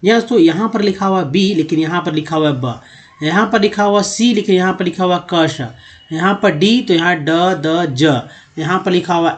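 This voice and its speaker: A man's voice: sits high, fairly quick. A man, teaching a spoken English lesson for his channel. He explains step by step, repeats himself and checks in with the viewer.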